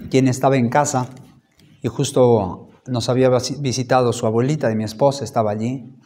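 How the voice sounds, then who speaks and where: A pastor in his thirties giving a sermon testimony, telling his story with lively acted-out dialogue. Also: medium pitch. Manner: animated storytelling, acting out dialogue.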